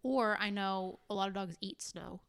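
A woman's voice: mid-range voice, moderate pace, vocal fry, clean tone. Congested nasal young woman chatting. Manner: chatty, filler-heavy, laughs often. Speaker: podcast co-host. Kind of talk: casual chat.

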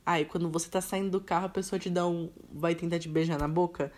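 A woman's voice: on the low side, fast talker. A young woman, chatting casually and using slang while she jokes at her own expense. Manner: relaxed, slangy, self-deprecating. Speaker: podcast co-host. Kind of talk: casual chat.

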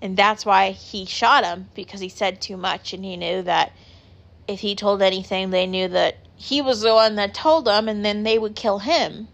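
A woman's voice: mid-range voice, steady tone, normal speed, vocal fry, highs cut off. A woman hosting a casual chat, rambling with lots of filler words and casual swearing. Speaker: podcast host.

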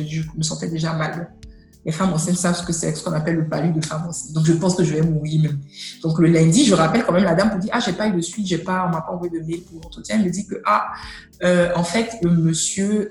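A woman's voice: on the low side, darkish tone, reverberant. A woman giving a personal faith testimony, telling her story animatedly and acting out the dialogue. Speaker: guest sharing a testimony.

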